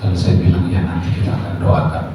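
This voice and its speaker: A man with a low voice delivers a sermon to fellow ministers. He shifts from quiet storytelling to loud, rising appeals. The sound is echoey and a little distant, with steady room noise behind him. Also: fast. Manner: swings from quiet storytelling to loud, climbing exhortation. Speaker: pastor preaching to ministers. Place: large church hall. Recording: echoey hall mic with background noise.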